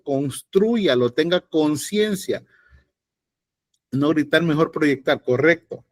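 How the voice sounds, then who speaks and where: A man's voice: fairly high pitch, a little mellow, no room sound, studio quality. Blunt, joking Salvadoran man teaching. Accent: Salvadoran Spanish. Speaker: podcast acting teacher. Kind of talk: online class lecture. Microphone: video call.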